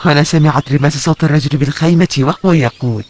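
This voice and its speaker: A man's voice: fairly high pitch, quick pace, darkish tone, a little hiss or hum. Male narrator of an audio novel. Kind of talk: scripted story narration.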